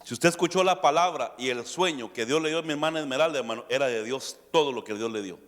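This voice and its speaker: A male pastor preaching a sermon, shifting between quiet asides and loud emphatic peaks. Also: medium pitch, quick pace. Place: church hall. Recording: long hall reverb.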